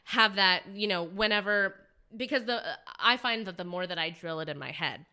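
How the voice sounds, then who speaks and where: Bright clear-voiced young woman. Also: medium pitch, moderate pace. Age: 20s. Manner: earnest, rambling, many likes and restarts. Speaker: actress and podcast guest. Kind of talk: casual podcast interview.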